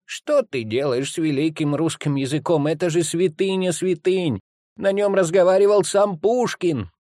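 A man's voice: on the high side, moderate pace, mellow, dry recording, clean studio sound, pitched above the performer's own voice, lightly acted. A man voicing a fussy, indignant aunt who guards proper language, with raised, outraged exclamations in an audiobook reading.

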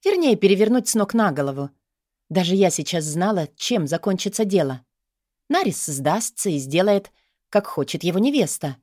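A woman narrating a first-person romance audiobook in a measured, expressive voice. Her voice sits somewhat low, and the recording is dry and close with no room sound. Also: dry recording.

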